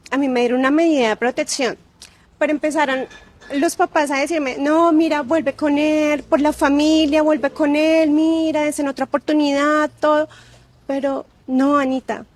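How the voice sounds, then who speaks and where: High-voiced woman telling her story earnestly. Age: adult with grown daughter. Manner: emotional, earnest, with many fillers and repeated phrases. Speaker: interview guest. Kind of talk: personal testimony in an interview.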